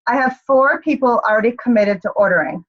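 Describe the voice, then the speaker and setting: A woman's voice: fairly high pitch, fairly quick, muffled recording. Upbeat woman rallying her team on a call. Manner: upbeat, rallying, repeats points with "okay?". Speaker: team leader on a group call. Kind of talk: motivational group call talk.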